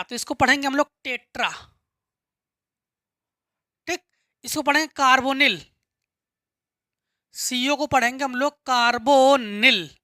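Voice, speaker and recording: A woman's voice: sits high, sharp tone, no echo, clean studio sound. A woman teaching a chemistry lesson step by step, patiently asking and answering her own questions and repeating key terms. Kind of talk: classroom lesson explaining step by step.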